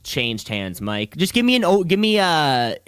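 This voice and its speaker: A man's voice: a little high, very animated, measured pace, fairly bright tone, smooth, no room sound, clean studio sound. A man co-hosting a podcast, chatting casually and rambling, repeating himself and laughing easily. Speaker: podcast co-host. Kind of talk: casual chat about wrestling.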